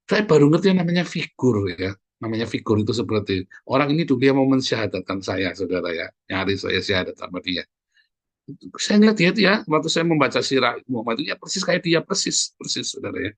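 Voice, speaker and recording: A man's voice: medium pitch, fairly bright tone, no echo. A man preaching a conversational sermon, asking his listeners questions and answering them himself, with sudden emphatic rises. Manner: addresses listeners as brothers and sisters, asks and answers his own questions.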